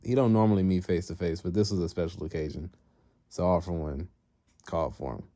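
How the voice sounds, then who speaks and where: A man's voice: low-pitched, brisk, mellow. A man casually retelling a comic story in slangy, conversational talk.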